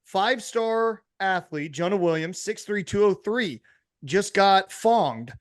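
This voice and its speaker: A man's voice: sits high, animated, slow. A man co-hosting a sports podcast, reading out recruiting news and teasing his co-hosts. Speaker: podcast co-host. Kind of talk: casual sports chat.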